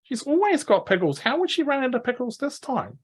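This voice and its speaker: A man's voice: extremely high pitch, sing-song, brisk, slightly rough, pitched above the performer's own voice, full character voice. A man voicing a puzzled young orc girl.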